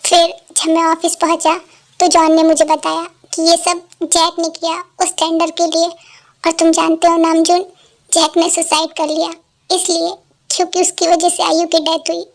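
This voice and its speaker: A woman's voice: extremely high pitch, monotone, moderate pace. A woman voicing a remorseful young male friend who keeps apologizing, in a fan dub. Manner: apologetic, self-blaming.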